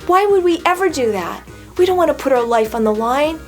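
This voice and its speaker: A woman voicing a group of desperate grown brothers who plead that they are innocent, her voice lifted higher. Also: lively intonation, brisk, soft background music. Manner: pleading, raised pitch.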